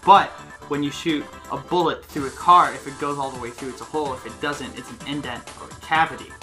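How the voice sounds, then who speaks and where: A man's voice: mid-range voice, steady tone, fairly quick. A young man co-hosting a video, arguing his points in a casual, playful debate. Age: young adult. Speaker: video co-host. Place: small living room, indoors on a sofa. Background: music.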